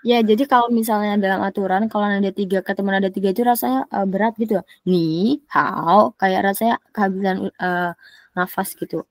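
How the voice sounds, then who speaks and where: A woman tutoring a private Mandarin lesson, patiently modelling syllables slowly and repeating them. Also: mid-range voice, fairly even intonation, no room sound. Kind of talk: private online language lesson.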